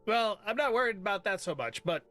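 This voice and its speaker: Quizzical lively tabletop player, a man. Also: high-pitched, a little fast, faint music behind. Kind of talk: casual tabletop play.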